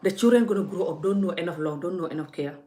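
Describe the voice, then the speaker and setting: A woman with a warm, low-leaning voice rants passionately and quickly in her vlog, scolding forthrightly as she addresses the viewer head-on. The room she's in echoes.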